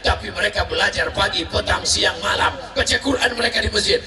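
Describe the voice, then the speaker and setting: A man preaching a sermon at a large gathering, animated and theatrical, shouting at climaxes and acting out voices. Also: high-pitched, quick pace. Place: large outdoor religious gathering. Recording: echoey, distant, noisy crowd ambience.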